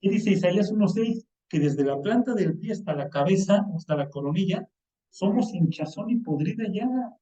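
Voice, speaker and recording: A man with a Mexican accent preaching a sermon in a colloquial, animated way, acting out the quoted lines. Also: high voice, moderate pace. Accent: Mexican Spanish. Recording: echoey, distant, dull lo-fi sound.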